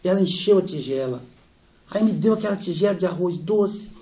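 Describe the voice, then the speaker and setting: A man giving a spiritist lecture, telling family anecdotes lively and softening for the sad parts. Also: sits high, moderate pace. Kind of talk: storytelling lecture.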